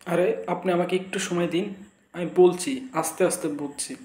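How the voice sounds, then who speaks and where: A man's voice: high voice, fairly even intonation, normal speed, darkish tone. A man playing an exasperated school headmaster in a comic sketch, pleading to be heard. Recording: echoey room.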